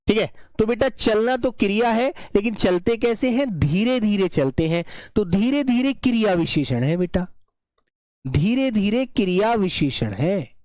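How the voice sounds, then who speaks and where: Male teacher, online exam-prep grammar lesson, very slow drawn-out dictation, keeps checking students follow, dry close sound. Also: high voice, expressive, a little mellow, no echo. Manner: repeats phrases and keeps checking the class understands.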